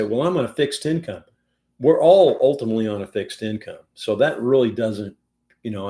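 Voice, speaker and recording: A man teaches a Bible study from a room in his house and speaks to his class over a video call. His voice is mellow and warm, at a middle pitch. He talks casually and often restarts his sentences. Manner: conversational, with restarts and asides.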